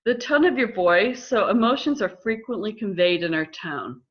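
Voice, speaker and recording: A middle-aged woman counselor explaining listening skills in a calm, measured way during a conversation. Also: medium pitch. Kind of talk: instructive conversation. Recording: slightly dull lo-fi audio.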